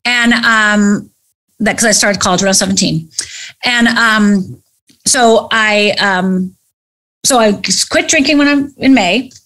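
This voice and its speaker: A middle-aged woman telling a personal story as an interview guest, animated and acting out the voices of people she quotes. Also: mid-range voice, a little slow.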